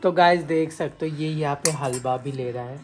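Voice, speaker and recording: A man's voice: a little high, moderate pace, background noise. A young man teasing his partner and talking to viewers in a casual home vlog. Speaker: vlogger.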